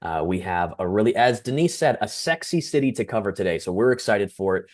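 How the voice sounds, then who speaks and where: Deep-voiced male co-host on a call. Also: expressive, fairly quick, darkish tone. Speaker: webinar co-host. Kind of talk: hosting a video call. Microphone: video call.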